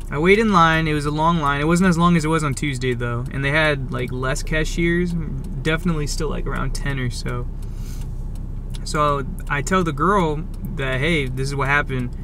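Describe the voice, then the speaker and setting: A young man in his twenties, a vlogger, telling a rambling story about his day from a car seat to a dash camera. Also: fairly high pitch. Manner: rambling, excitable storytelling with many restarts. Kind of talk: casual storytelling. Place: parked car, passenger seat. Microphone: camera on the dashboard. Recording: noisy car interior. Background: car and street noise.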